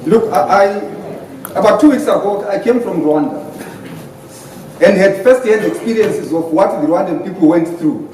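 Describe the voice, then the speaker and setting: A man's voice: high-pitched, normal speed, darkish tone. A middle-aged man with a Zimbabwean accent giving an impassioned, emphatic debate speech as a party panelist, mixing English and Ndebele. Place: hotel conference hall. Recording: very echoey hall, distant mic, faint noise.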